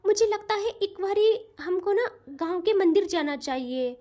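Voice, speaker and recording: A woman's voice: very high voice, animated, moderate pace, dark tone. A woman voicing a devout middle-aged mother who gives earnest advice in a story. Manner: earnest, advising.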